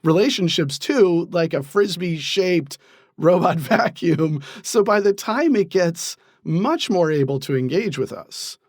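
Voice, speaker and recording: A man, a professor, explaining ideas in an interview with lively, laughing asides. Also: high-pitched, unhurried, no room sound, clean studio sound. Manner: animated, laughs while explaining. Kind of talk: interview answers.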